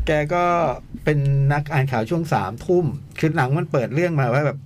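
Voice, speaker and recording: A man's voice: fairly high pitch, a little fast, darkish tone, a little hiss or hum. Chatty man retelling a film. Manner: chatty, retells film scenes with acted quotes. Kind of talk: casual movie chat.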